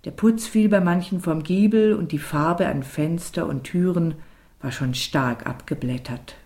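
A woman reading a novel aloud as a calm, even audiobook narrator. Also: on the low side, a little slow. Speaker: audiobook reader. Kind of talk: scripted narration.

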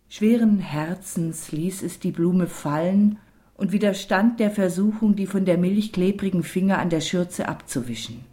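A woman reading a novel aloud as a calm, even audiobook narrator. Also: on the low side. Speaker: audiobook reader. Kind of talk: scripted narration.

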